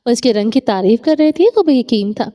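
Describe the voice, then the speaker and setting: Mellow woman narrating a novel. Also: on the high side, lively intonation. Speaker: audiobook narrator.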